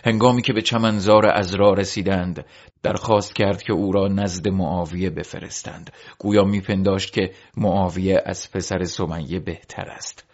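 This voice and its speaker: A man narrating a historical account in a solemn, measured reading style, voicing the quoted exchanges within it. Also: sits low, steady tone. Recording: dull lo-fi recording.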